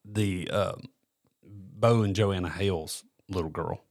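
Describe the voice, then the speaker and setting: Male co-host, lowish voice, chatty storyteller who laughs easily. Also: slow, no echo, studio quality. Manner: lively storyteller, laughs often. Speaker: student ministry leader, co-host. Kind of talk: casual chat.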